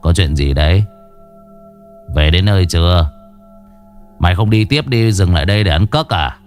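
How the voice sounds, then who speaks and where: Guy putting on a low growly drunk mob boss, cranky and bossy. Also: expressive, moderate pace, smooth, faint music behind. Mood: drunk irritated. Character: drunk gangster boss, older man, gruff.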